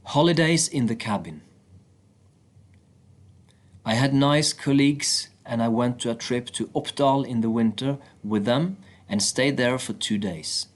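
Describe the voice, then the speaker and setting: A man's voice: medium pitch, unhurried. Man reading a book aloud.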